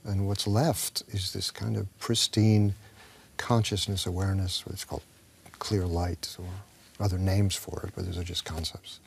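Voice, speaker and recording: Man, an actor, low and reflective, tells stories with acted voices, slips into whispers, faint background noise. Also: little pitch movement, normal speed, gravelly. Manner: storytelling, acts out quoted dialogue, sometimes drops to a whisper. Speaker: actor being interviewed. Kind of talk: reflective interview talk.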